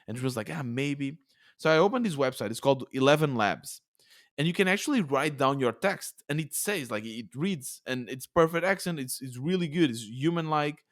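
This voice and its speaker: Excitable man with a Portuguese accent. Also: fairly high pitch. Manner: chatty, excitable, many restarts. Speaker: podcast host. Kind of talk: casual solo podcast monologue. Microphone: podcast studio mic.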